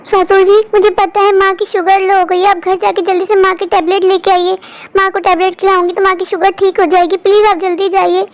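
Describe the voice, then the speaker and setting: A meek young daughter-in-law from a cartoon story, voiced by a woman. She speaks high and quickly, always pleading and yielding. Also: flat delivery. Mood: anxious. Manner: pleading, submissive.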